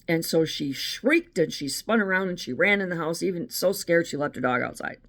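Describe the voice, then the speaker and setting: A woman's voice: fairly low pitch, fairly quick. A middle-aged American woman hosting her own channel, talking in a chatty, opinionated monologue with frequent restarts. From United States. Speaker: channel host. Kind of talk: casual monologue.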